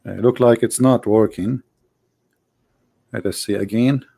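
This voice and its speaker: A man's voice: on the low side, steady tone, measured pace, gravelly, warm tone, slightly rough, no room sound. A man hosting a live call-in debate show, arguing insistently and repeating his points to press a caller. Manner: argumentative, insistent, repeats phrases.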